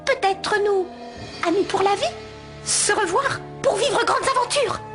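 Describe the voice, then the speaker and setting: A woman voicing an excitable, loyal sparrow in a cartoon dub, speaking in broken, childlike grammar. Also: extremely high pitch, a little slow, music in the background. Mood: friendly. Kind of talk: animated series dub.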